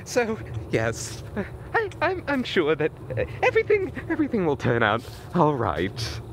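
Filming himself on a handheld camera in the woods at night, a man vlogs in a mock-scared, comedic way, stammering nervously, repeating words, and cracking his voice. His pitch is on the high side and swoops wildly, his delivery is unhurried and a bit bright, and there's slight background noise.

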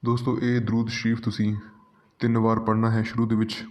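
A man, hosting a channel and calmly giving step-by-step religious instructions to his viewers. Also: on the low side, fairly quick. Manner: calm, repetitive, addresses listeners as friends.

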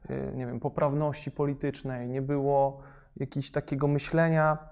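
Gravelly young man, halting and animated. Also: medium pitch. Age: young adult. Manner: hesitant, many fillers and restarts, lively when excited. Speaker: rapper and interview guest. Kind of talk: casual interview talk.

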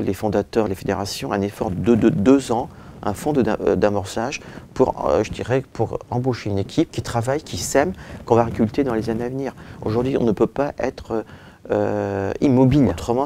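Brisk and medium-pitched, his gravelly, warm voice carries a little hiss or hum. Interviewed in an office with bookshelves on a lapel mic, the man, in his forties, born in Turkey and raised in France, hesitates over "euh" and "je dirais" and then argues emphatically.

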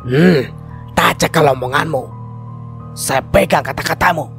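A man voicing a possessed young girl whose spirit rants in a high, shouting, taunting voice. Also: a little slow, vocal fry, faint music behind. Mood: grudging.

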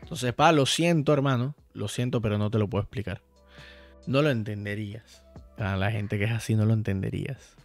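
A man's voice: lowish voice, fairly quick. A man streaming a video game, chatting casually and playfully with viewers and swearing freely. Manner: profane, playful, talks to chat directly. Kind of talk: casual live-stream chat while playing. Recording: dry sound, faint background music.

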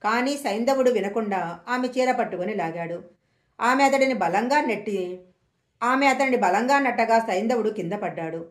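A woman storyteller slowly reading an old mythological story aloud in a measured way, recorded in an echoey room. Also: fairly high pitch, expressive.

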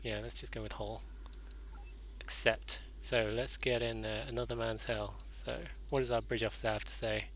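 A man's voice: on the low side, flat delivery, moderate pace, a bit bright, slight background noise, poor audio. Rambling young man hosting a game show. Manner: rambling, with many fillers and self-corrections. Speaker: host of a gaming show. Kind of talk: casual let's-play commentary.

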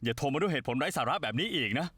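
An actor dubbing an arrogant, short-tempered young rock star who talks curtly and dismissively, for a TV drama. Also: male voice, on the high side, lively intonation, very fast, bright, forceful tone, husky, dry recording, exaggerated voice. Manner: curt, dismissive.

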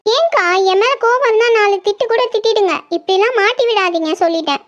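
A woman's voice: very high-pitched, quick pace, pitched above the performer's own voice. A woman doing a timid stammering young girl. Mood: anxious. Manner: stammering, pleading. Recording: slightly dull lo-fi audio.

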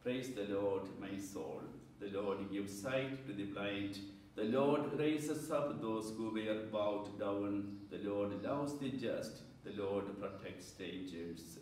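A man leading Mass as a priest, reciting the liturgy in a measured, solemn way, with heavy cathedral-like church echo. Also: fairly low pitch, darkish tone, slight background noise. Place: large church. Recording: very echoey church, mic far off.

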